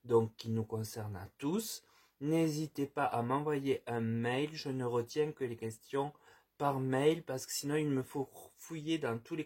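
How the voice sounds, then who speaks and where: A man with a husky, breathy voice talks through a tarot reading at an unhurried pace. He hesitates a lot and restarts his sentences. His sign-off advice is earnest, and the recording is on the quiet side. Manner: hesitant, many fillers and restarts. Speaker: tarot reader. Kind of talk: casual spoken reading. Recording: quiet, low-level voice.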